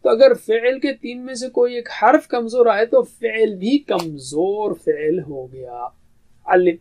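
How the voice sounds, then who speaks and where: A man's voice: high-pitched, a little mellow. Man teaching grammar, questions and answers. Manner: explanatory, asks questions and answers them himself. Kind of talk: classroom lecture.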